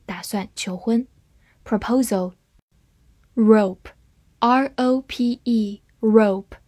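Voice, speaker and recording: Slow, clear woman teaching English. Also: fairly high pitch, a little mellow, no echo. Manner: clear, slow model reading of example sentences. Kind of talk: scripted vocabulary lesson.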